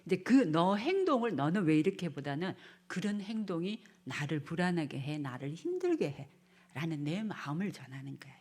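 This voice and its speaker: A woman with a deep, darkish voice lectures at a church family seminar. She acts out the lines of parents and children and sometimes drops to a whisper.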